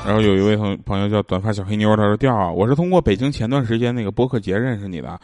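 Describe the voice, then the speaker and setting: A man's voice: on the low side, very fast, darkish tone, faint music behind. A man with a Northeastern Chinese accent hosting a podcast, telling casual, comedic stories to listeners in a jokey way with laughter in his talk. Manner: jokey, often laughing as he talks. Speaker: podcast host.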